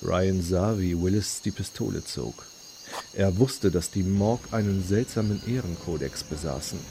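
A man narrating a science fiction story in a measured, dramatic way. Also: deep voice, gravelly, a little hiss or hum. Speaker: audiobook narrator. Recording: read over loud background music.

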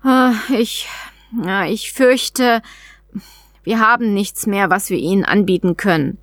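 A woman's voice: mid-range voice, slow pace, dry recording, close to an everyday voice. A woman voicing a hesitant young boy who stammers and sounds unsure of himself.

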